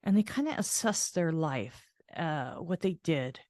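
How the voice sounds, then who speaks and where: Soft reflective older woman storyteller. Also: low-pitched, lively intonation, unhurried, no room sound, studio quality. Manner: reflective, soft-spoken with frequent laughs and restarts. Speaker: podcast host and caregiver. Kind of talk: personal storytelling.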